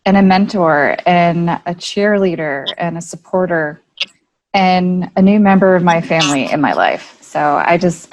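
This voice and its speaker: A woman with a somewhat low voice hosts a podcast interview. She speaks sincerely and effusively, thanking her guest. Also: rough recording. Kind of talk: heartfelt interview closing.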